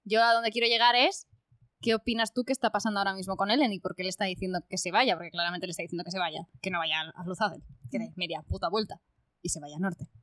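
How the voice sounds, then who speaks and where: Bright, blunt woman arguing theories. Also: mid-range voice, fairly even intonation, quick pace, dry recording, studio quality. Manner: pushes for theories, blunt and swearing. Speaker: podcast co-host. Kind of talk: casual book-club chat.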